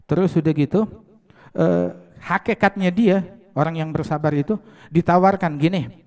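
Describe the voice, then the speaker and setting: A male preacher delivers a sermon in a gravelly, mellow voice that sits a little high. He tells stories through quoted dialogue, recites Arabic verses, and swells to loud emphasis. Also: normal speed, long reverb tail.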